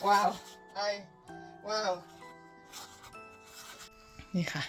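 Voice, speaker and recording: Over soft music, a Thai-accented woman talks extremely slowly. She's a mom and vlogger from Thailand, chatting easily with frequent laughter and bits of English.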